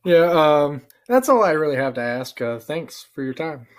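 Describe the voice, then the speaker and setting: A young American man vlogs about prank calls, his voice on the high side and sing-song at a moderate pace. He chuckles through amused, slangy, casual remarks. He's in a small indoor living room, picked up by a webcam at arm's length.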